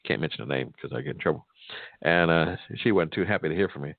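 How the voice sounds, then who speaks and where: A man's voice: extremely low pitch, quick pace, vocal fry, no room sound. A man hosting a casual interview in a joking, teasing way, on phone-like audio. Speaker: host, pastor and church musician. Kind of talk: casual chat. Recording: dull, narrow phone-like sound.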